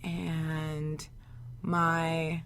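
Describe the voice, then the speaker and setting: Slow-talking giggly young woman. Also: low voice, monotone, a little hiss or hum. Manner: giggly, trails off softly. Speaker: podcast co-host. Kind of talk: casual chat.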